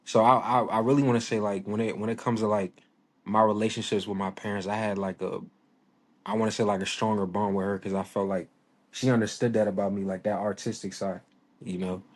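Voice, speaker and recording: A man in his twenties from Virginia, United States, speaks as a musician guest in a casual interview. His voice is on the low side and flat, and his delivery is brisk yet laid-back and soft-spoken, full of fillers.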